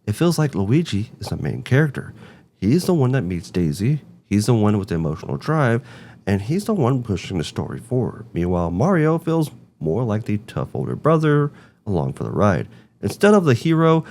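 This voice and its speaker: A man with a darkish voice on the low side hosts a video game movie review show, narrating a scripted review with emphatic, rhetorical phrasing.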